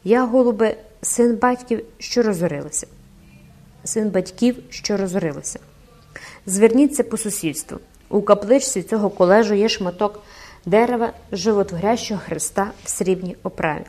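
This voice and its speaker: A cocky young officer with a loud, brash delivery and a quick temper, as a woman reader puts him on. He swaggers through every line of this storybook audiobook. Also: medium pitch, lightly acted. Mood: mocking, jaunty. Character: proud hot-tempered young male cavalry captain.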